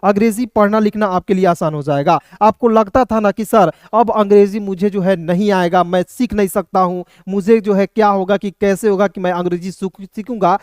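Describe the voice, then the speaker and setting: A man's voice: high-pitched, steady tone, brisk, hardly any pauses, a little mellow, smooth, no room sound, clean studio sound. A man teaching a casual spoken lesson, constantly calling listeners friends, asking and answering his own questions, and checking often that they understood. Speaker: English teacher.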